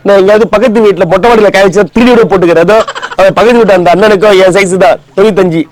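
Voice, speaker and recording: A man's voice: high voice, fairly even intonation, very fast, background noise. Sulky, whiny man. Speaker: comedy sketch performer playing a husband. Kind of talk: scripted comedy sketch.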